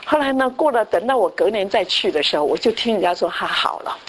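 A woman's voice: mid-range voice, expressive, fast, slight background noise. A woman preacher delivering a conversational sermon that tells a story, with frequent restarts and tag questions.

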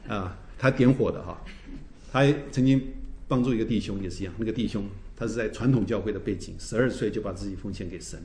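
A man, a pastor teaching a church class, telling stories in a lively way, tagging his phrases with "哈" and laughing often. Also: fairly low pitch, fast talker. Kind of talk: teaching a Bible class, with anecdotes. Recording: roomy echo.

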